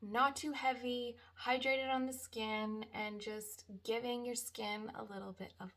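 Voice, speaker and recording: A woman's voice: on the high side, steady tone, unhurried, fairly bright tone. A young woman chatting casually through a makeup tutorial, gushing about products with lots of fillers. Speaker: beauty vlogger.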